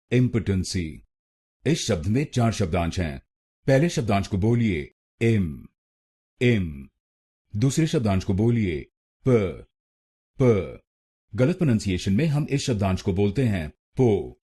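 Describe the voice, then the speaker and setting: A man with an Indian accent teaching pronunciation, drilling words slowly and carefully syllable by syllable. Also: fairly low pitch, dark tone, husky. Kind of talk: scripted pronunciation lesson.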